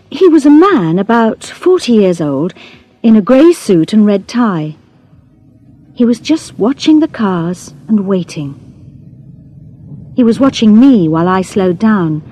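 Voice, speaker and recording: A woman reads a first-person story aloud at a slow, deliberate pace, her pitch rising and falling expressively. Her tone is soft and mellow, with faint music underneath. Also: breathy edge. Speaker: audiobook narrator. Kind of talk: scripted storybook narration.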